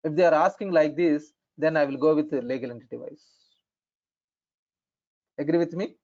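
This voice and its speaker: A man with an Indian accent explaining things as an instructor in an online lesson, in halting, repetitive phrasing. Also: a little high, a little mellow. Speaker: instructor in functional finance consulting. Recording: dull, lo-fi online call audio.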